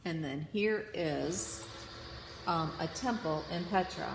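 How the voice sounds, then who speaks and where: In a slow, low voice, a woman teacher reads a children's nonfiction book aloud to her students, instructing as she goes and adding brief asides. She is in an indoor room with the heating on, and the echoey, reverberant recording carries background hum and heater noise.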